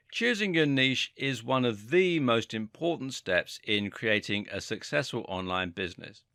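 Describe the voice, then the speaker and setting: Man narrating an online course, gravelly. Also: medium pitch, pushed and bright, dry recording, studio quality. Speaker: course instructor. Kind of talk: scripted narration.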